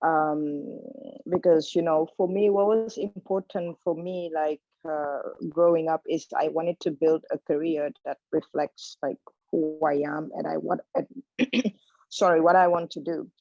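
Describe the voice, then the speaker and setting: A woman from Senegal gives a relaxed, conversational talk, with plenty of "like" and "you know". Her voice sits fairly low and sounds dry and close. The sound is dull and lo-fi, as on a video call. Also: unhurried, no room sound. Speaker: guest lecturer. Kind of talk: informal lecture.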